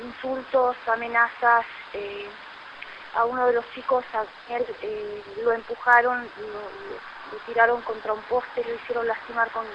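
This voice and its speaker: A woman's voice: on the high side, lo-fi sound. Indignant Argentine woman on a hissy radio line. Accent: Argentine Spanish. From La Rioja, Argentina. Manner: urgent, indignant testimony with many fillers. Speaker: community activist. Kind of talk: recounting events in a radio interview.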